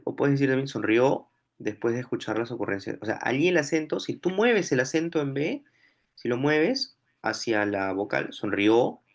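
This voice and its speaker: A man teaching a language lesson, working through exam questions aloud and thinking as he goes. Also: medium pitch. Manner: explanatory, thinks aloud while solving. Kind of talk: explaining exam questions on phonology.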